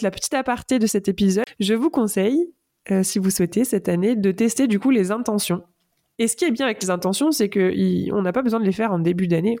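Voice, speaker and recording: A woman's voice: mid-range voice, a little mellow. A young woman hosting a casual solo podcast, speaking with many hesitations and fillers. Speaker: podcast host.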